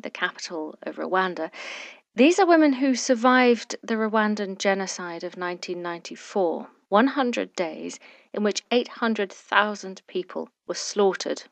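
A woman reporter giving measured, scripted documentary narration. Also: mid-range voice, no room sound. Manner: measured, deliberate storytelling.

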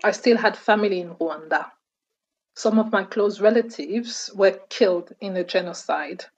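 Husky-voiced woman reading a voice-over. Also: mid-range voice, normal speed, darkish tone, dull audio. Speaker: voice-over interpreter. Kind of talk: read voice-over translation.

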